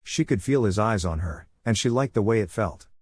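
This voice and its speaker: A man narrating a fan-fiction story, reading in a steady, measured way. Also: lowish voice, slightly rough, dry recording.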